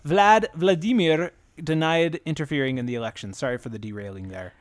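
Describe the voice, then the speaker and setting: A man's voice: on the high side, fairly quick, dry recording, studio quality. A man co-hosting a podcast in casual chat, enthusiastic and rambling, calling himself a nerd. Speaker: podcast co-host.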